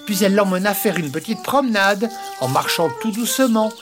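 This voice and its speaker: A storyteller reading a children's tale aloud in a lively, expressive way with playful asides. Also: medium pitch, brisk. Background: background music.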